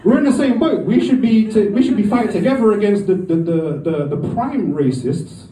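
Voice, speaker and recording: A man's voice: sits high, animated, moderate pace, mellow. Rambling man doing stand-up. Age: 40s. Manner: rambling, self-deprecating, acts out voices with swearing. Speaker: stand-up comedian. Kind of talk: stand-up comedy set. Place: comedy club. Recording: echoey room, mic from far off.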